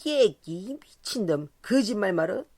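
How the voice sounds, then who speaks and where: A woman's voice: mid-range voice, animated, a little slow, mellow, voice pushed up. A woman voicing a wary middle-aged man who scolds his drunken friend in an audiobook. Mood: exasperated. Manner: exasperated, scolding tone. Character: wary middle-aged male drinking buddy. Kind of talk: audiobook character voice.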